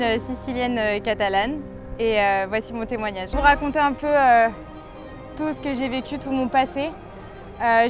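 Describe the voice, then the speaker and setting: Speaking to the camera, a woman from France in her twenties shares an earnest personal testimony of her faith. Her voice is a little high, and her storytelling is reflective and hesitant.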